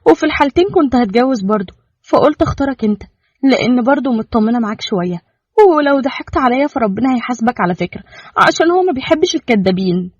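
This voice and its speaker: A man's voice: extremely high pitch, expressive, fast talker, dry recording, pitched above the performer's own voice. A man voicing a young, naive Bedouin girl with an Egyptian Arabic accent, asking eager, wide-eyed questions in a storybook reading. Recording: dull lo-fi dry recording.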